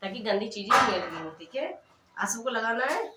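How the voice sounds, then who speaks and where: A woman's voice: a little high, lively intonation, fairly quick. A young woman health worker shows young children first aid supplies, asking them questions and explaining terms. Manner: asks the children questions and mixes English terms into her talk. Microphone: far camera. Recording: echoey room, voice from a distance, noisy.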